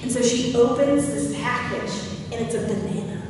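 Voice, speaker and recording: Young woman pastor, chatty sermon, slightly high voice, picked up from afar in a reverberant hall. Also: fairly even intonation, normal speed. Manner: chatty, asks the congregation questions. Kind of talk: conversational sermon. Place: church sanctuary. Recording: echoey hall from far off, noisy.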